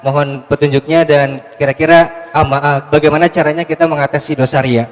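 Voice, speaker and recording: A man's voice: fairly high pitch, steady tone, brisk, long reverb tail. A man from the congregation asking the preacher a question, hesitant and polite. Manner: hesitant, with fillers and restarts. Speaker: audience member asking a question.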